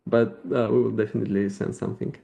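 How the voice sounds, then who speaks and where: Gravelly Russian-accented man demoing software. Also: on the low side, level tone. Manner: thinking aloud while clicking through a demo, halting restarts. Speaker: featured speaker at a developer meetup. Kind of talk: live software demo presentation.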